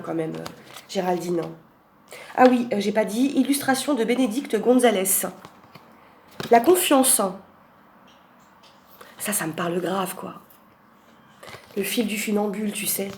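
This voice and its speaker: A woman flips through tarot cards in a relaxed, talkative chat, announcing each card with a lift before drifting into rambling asides and fillers. Her voice sits in an ordinary middle pitch. A faint hiss runs under the recording. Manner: announces card names with lifted emphasis. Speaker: tarot reader presenting a deck. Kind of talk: casual chat presenting cards.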